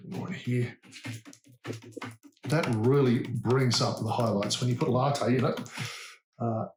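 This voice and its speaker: A man with an Australian accent talking through a hands-on how-to demonstration, describing each step in a relaxed way as he works. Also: mid-range voice, slow, reverberant, a little hiss or hum. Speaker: DIY demonstrator.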